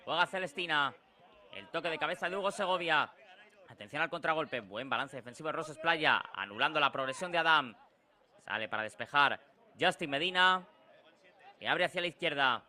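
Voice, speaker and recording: A man with a Spain accent giving breakneck, excitable live football commentary, with drawn-out goal shouts. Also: fairly high pitch. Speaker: sports commentator.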